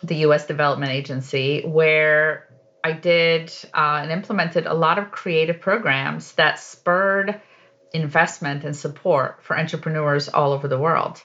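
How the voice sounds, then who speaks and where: Bright-voiced speaker from Poland, lo-fi. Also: medium pitch, fairly even intonation, a little slow. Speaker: guest, program leader. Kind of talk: interview answers. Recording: dull lo-fi audio.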